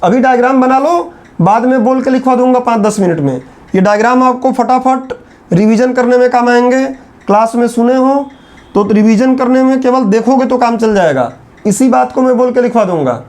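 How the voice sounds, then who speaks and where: Male teacher, very high voice, lecturing at a whiteboard, repeats key phrases for note-taking. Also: darkish tone. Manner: repeats phrases slowly for students to write down.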